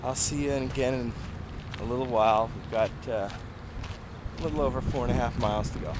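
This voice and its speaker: An American man records a casual vlog while out running. He sounds tired from the effort and talks in loose, broken phrases with pauses. His voice sits at an average pitch, with clear outdoor noise around it. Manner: talking while out on a long run, with pauses and breaks for breath. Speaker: running vlogger. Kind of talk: casual vlog chat to viewers. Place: outdoors on rural roads.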